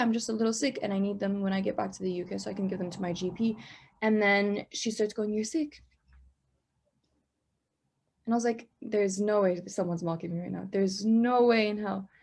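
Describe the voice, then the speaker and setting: A young woman from Palestine talks as an interview guest. She tells her story casually and acts out every side of the dialogue. Her voice sits in an ordinary middle pitch for a woman. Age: young adult. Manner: animated retelling, acting out both sides of dialogue. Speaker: interview guest, law student.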